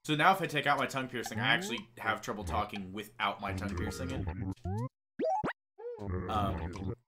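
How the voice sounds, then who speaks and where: A man's voice: lowish voice, moderate pace, a loud crowd. A young man with a tongue piercing chats casually while streaming a game, rambling, self-deprecating and tripping over his words. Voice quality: talks around a tongue piercing. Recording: music playing behind the voice. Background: loud music.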